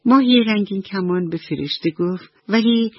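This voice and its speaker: Husky woman telling a bedtime story. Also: low-pitched, lively intonation, no room sound. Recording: dull dry radio recording.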